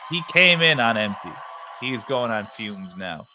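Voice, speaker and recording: A man's voice: fairly low pitch, very animated, a little slow, background noise. A man hosting a livestream with casual, crude, sardonic commentary while reading out viewer comments. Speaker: livestream host.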